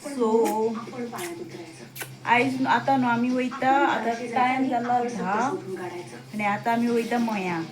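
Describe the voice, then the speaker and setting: A woman's voice: on the high side, steady tone, slow, long pauses. A woman with a Goan Konkani accent, chatting to viewers about her day and family in a homely vlog. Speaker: vlogger, mother. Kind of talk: casual chat to camera.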